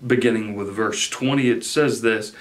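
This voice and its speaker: A man in his forties, a pastor preaching a sermon from a chair in a study, animated and gesturing, often repeating words as he starts a phrase. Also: fairly low pitch, normal speed. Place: study with bookshelves, indoors.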